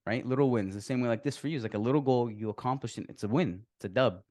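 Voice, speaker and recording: A man's voice: mid-range voice, quick pace, a little mellow, no room sound. Young man chatting casually, dry sound. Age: young adult. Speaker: podcast co-host. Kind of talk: casual chat.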